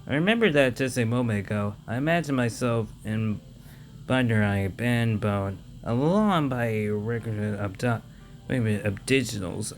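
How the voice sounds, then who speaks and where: A man reading a visual novel aloud with casual commentary, halting and stumbling over words. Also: mid-range voice. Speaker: let's play host reading a visual novel.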